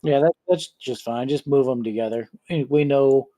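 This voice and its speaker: A man running a tabletop game as game master, thinking aloud in an unhurried way with pauses. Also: medium pitch, warm tone, dry recording.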